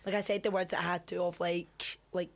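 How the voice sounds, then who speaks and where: A woman's voice: lowish voice, little pitch movement, brisk. Blunt Scottish woman, laughing easily. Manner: blunt and laughing, with local slang. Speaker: podcast co-host. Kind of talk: casual chat.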